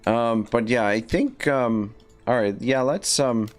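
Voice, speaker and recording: Faint music plays behind a livestream gamer with a scratchy, mid-range voice who talks at a slow pace. He offers rambling, casual commentary on the strategy game he's playing, with plenty of fillers and restarts.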